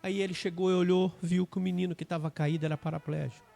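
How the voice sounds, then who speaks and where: A man with a Brazilian Portuguese accent, a pastor telling a story in a sermon with emphatic, dramatic pauses. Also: sits high, level tone, vocal fry, mellow, faint music behind.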